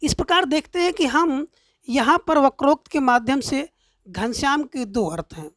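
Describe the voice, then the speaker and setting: A woman teacher explaining a grammar lesson slowly and deliberately, reciting verse examples. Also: high voice, animated, no room sound, clean studio sound.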